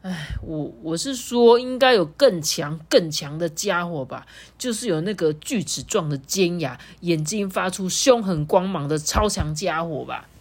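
A woman's voice: on the low side, expressive, normal speed, few pauses. A woman with a Taiwanese Mandarin accent voicing an old male tyrannosaurus who talks in a hesitant, stammering way. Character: old male tyrannosaurus, gruff but softening.

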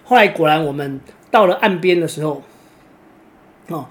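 A man with a Taiwanese Mandarin accent telling a personal story casually, rambling and filling pauses with drawn-out "oh"s. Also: fairly high pitch, a bit bright. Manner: rambling, fills pauses with drawn-out "oh"s, restarts words. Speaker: kitesurfer vlogger.

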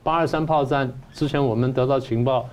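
A man's voice: medium pitch, fairly even intonation, a little fast. Argumentative older man. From Taiwan. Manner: argumentative, fires repeated rhetorical questions. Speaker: political science professor, guest commentator. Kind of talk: political commentary lecture.

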